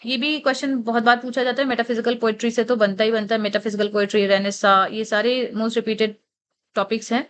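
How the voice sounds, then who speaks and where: A young woman with an Indian English accent, explaining exam answers step by step and reading the English questions out slowly. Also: on the high side, flat delivery, clean tone. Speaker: teacher. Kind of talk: exam answer walkthrough lecture.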